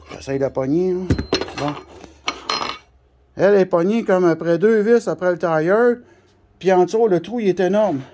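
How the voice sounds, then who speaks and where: Demonstrating a product at his CB radio shop, a Québécois-accented man keeps things casual, unscripted, and blunt, with mildly crude colloquialisms. His voice sits high with a warm tone, against slight background noise.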